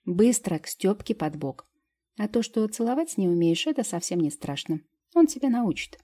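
Woman playing a bossy fairy sister, teasing, emphatic, husky, dark, storybook voice. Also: medium pitch, sing-song, moderate pace, pitched above the performer's own voice. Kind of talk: audiobook character reading.

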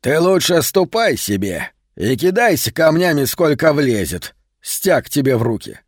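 A man's voice: on the high side, animated, measured pace, no room sound, studio quality. A man doing a raised, grumbling bookseller. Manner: grumbling, scolding. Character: grumbling irritable male bookseller.

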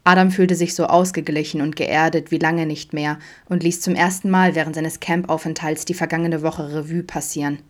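A woman calmly narrating an audiobook chapter of a fan story. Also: low voice, moderate pace, few pauses. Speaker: audiobook reader. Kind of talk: scripted narration.

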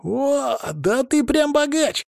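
A man's voice: high-pitched, very animated, moderate pace, a little mellow, dry recording, clean studio sound, voice pushed up, heavily acted. A man voicing a cheeky street urchin boy. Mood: eager. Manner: eager, boyish, exclaiming. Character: scrappy ragged street boy, cheeky and pleading.

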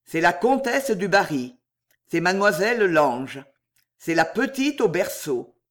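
A pale young noblewoman, voiced by a reader, pleads in a shaken, lively voice that swings up and down. She speaks slowly, as if every word costs her. Heard as a character in an audiobook reading. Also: medium pitch. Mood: frightened.

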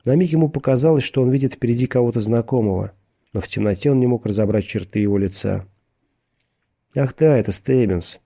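A man reading a thriller audiobook in a measured, steady narration. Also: medium pitch, creaky.

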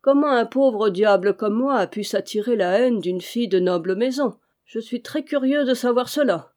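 A woman voicing a cynical male valet and hired killer, smooth, insolent and coolly ironic, in an audiobook reading. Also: on the high side, moderate pace, a little mellow, close to an everyday voice. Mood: mocking.

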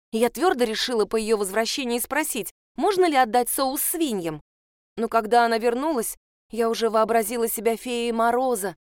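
A woman voicing an imaginative, excitable girl who talks in a breathless, theatrical, gushing way. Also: a little high, clean tone, dry recording, clean studio sound, lightly acted. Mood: dreamy, dramatic.

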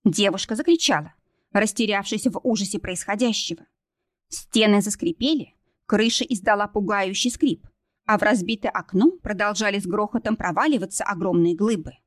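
A woman's voice: mid-range voice, moderate pace, no echo, clean studio sound. A woman reading a novel aloud as narrator, in a tense, dramatic storytelling manner. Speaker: audiobook narrator.

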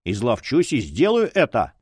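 A man voicing a brutish, greedy male champion fighter who speaks gruffly in an audiobook. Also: medium pitch, wildly swooping pitch, normal speed, a little mellow, dry recording. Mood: threatening.

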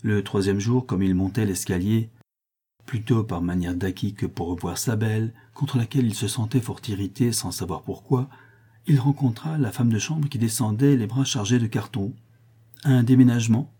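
A man reads a literary novel aloud in a steady, expressive audiobook narration. His voice is low, dark and mellow, with a husky texture. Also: normal speed. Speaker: audiobook reader.

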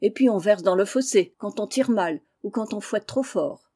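A woman's voice: medium pitch, normal speed, warm tone, husky, close to an everyday voice. A woman reading aloud voices a proud, disdainful young girl who talks in a haughty, petulant way. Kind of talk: audiobook character reading.

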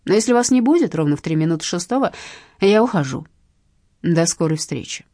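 A woman voicing a sharp-tongued, defiant young heroine who answers bluntly and rudely in an audiobook. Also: on the low side, animated, fairly quick, no room sound, studio quality. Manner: blunt, rude, irritable. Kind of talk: audiobook narration.

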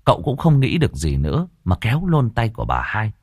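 A man's voice: on the low side, wildly swooping pitch, a little fast, breathy edge, dry recording, clean studio sound. A man narrating a dramatic audiobook story.

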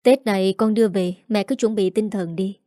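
A woman voicing a young man who calmly explains his divorce in a matter-of-fact way. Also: mid-range voice, moderate pace, dry recording, studio quality, lightly acted.

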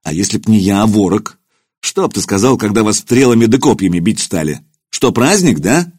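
A man's voice: on the low side, animated, fairly quick, a little mellow, slightly rough. A man voicing a stern young prince-warrior who speaks in curt, commanding lines. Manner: curt, barked orders.

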